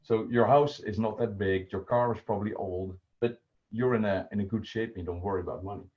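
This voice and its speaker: Here a Dutch-accented man of middle age, a finance presenter from the Netherlands, covers budgeting at a fairly quick clip, his lowish voice keeping a fairly even intonation. The casual livestream is packed with fillers and false starts, and the video call sound is muffled and lo-fi.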